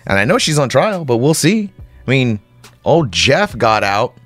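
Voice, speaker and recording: A man delivering an impassioned, sarcastic monologue to listeners like a conspiratorial late-night rant, with rhetorical questions, repetition and dramatic pauses. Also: medium pitch, very animated, fairly bright tone, faint music behind. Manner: dramatic pauses and repeated phrases. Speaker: commentator host.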